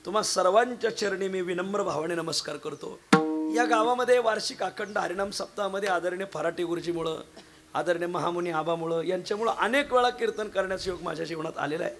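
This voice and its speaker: A man giving a devotional kirtan sermon at a village gathering. He is hoarse after preaching three times the day before, and he talks in a folksy, joking way, turning to the audience as he goes. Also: high-pitched, brisk. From Maharashtra. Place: village gathering with harmonium and mridang accompaniment.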